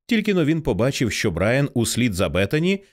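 A man narrating an audiobook in an expressive, dramatic reading style. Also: medium pitch, fairly quick. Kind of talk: scripted narration.

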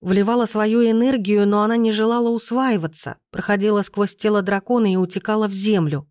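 A woman's voice: medium pitch, steady tone, brisk, a little mellow, no echo, studio quality. A woman narrating a first-person fantasy audiobook in an urgent, emotional way.

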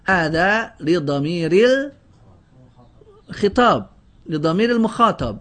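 A man's voice: a little high, lively intonation, a little slow, a bit bright. A man teaching a grammar lesson to a class, drilling word lists and quizzing students with questions. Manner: often breaks off and restarts words.

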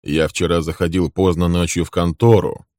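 Man as a composed, coolly threatening man, low voice, slow and level, dry sound. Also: flat delivery, darkish tone, no room sound, close to an everyday voice.

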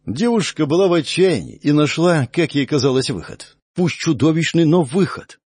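A man tells a first-person story for an audiobook, reading expressively. His voice is slightly husky and moves a lot in pitch. The recording is dry and close, with no room sound. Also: lively intonation, normal speed, a little mellow, no echo. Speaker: audiobook narrator.

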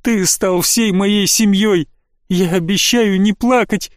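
A man's voice: high-pitched, steady tone, measured pace, dry recording, studio quality, pitched above the performer's own voice. A man putting on a tearful young granddaughter. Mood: tearful, loving. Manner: pleading, holding back tears. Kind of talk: audiobook reading.

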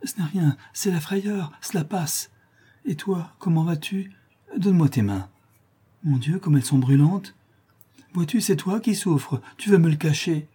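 A man's voice: on the high side, unhurried, dark tone, slightly rough, pitched above the performer's own voice. A man voicing a trembling, frightened young girl who speaks in a tremulous, pleading way. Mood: fearful.

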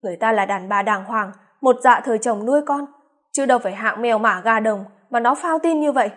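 A man's voice: sits high, a little fast, a bit bright. A woman reading the part of a bitter, blunt man. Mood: indignant. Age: 50s. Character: aging man, bitter, resolute about divorce.

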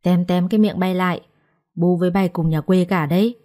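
A woman's voice: on the low side, steady tone, a little fast, dark tone, close to an everyday voice. A woman storyteller voicing a stern, domineering old mother-in-law who gives harsh, scolding commands.

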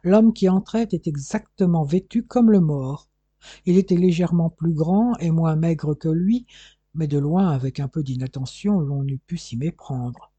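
An audiobook narrator reading a detective novel aloud in a steady storytelling manner. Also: mid-range voice, normal speed, breathy edge, no room sound, highs cut off.

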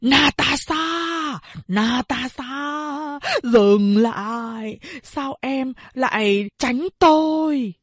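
A man's voice: very high voice, takes it slowly, no room sound, heavily acted. A woman voicing a young man haunted by visions of his lost love, who stammers and calls out again and again. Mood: pleading. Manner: stammering, breathless repeated calls.

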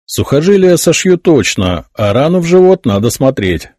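A man voicing a young healer who gives brisk, matter-of-fact orders. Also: on the high side, very animated, a little mellow, no room sound, studio quality, pitched above the performer's own voice.

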